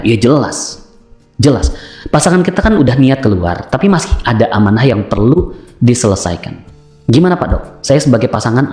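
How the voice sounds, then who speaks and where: Male host, mid-pitched, repetitive sermon-like cadence, roomy sound. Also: a little mellow. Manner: repetitive preaching cadence, rhetorical questions. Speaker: host answering viewer questions. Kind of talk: religious self-help talk.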